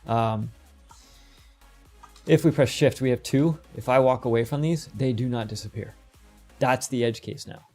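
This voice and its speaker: A man's voice: mid-range voice, darkish tone, faint music behind. A middle-aged man teaching game development in a casual, rambling way, often stopping and restarting his sentences. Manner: rambling, quick, self-interrupting. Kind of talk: casual screen-recorded tutorial.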